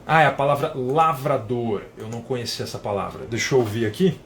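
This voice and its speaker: A man's voice: mid-range voice, brisk, fairly bright tone, slight background noise. A man teaching English on a live stream, explaining patiently and reading out viewer comments as he goes. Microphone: phone.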